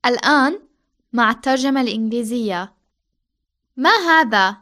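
A woman's voice: a little high, lively intonation, racing, bright, forceful tone. A woman who is a native Arabic speaker, co-hosting a language lesson. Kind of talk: scripted language lesson dialogue and chat.

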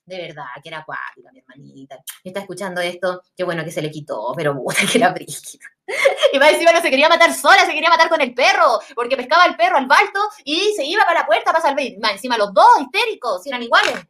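A young woman with a Chilean Spanish accent, telling a story in a casual, animated way, with lots of slang and swearing. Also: high-pitched, fast, shouting, slight background noise.

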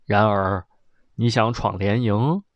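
A man telling a traditional historical story in a lively, colloquial way with vocal sound effects. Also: lowish voice, takes it slowly, no room sound, highs cut off.

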